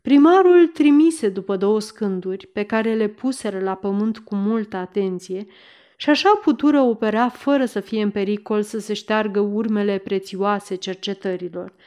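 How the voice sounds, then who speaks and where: A woman narrating an audiobook in a steady, measured reading. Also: medium pitch. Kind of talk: scripted narration.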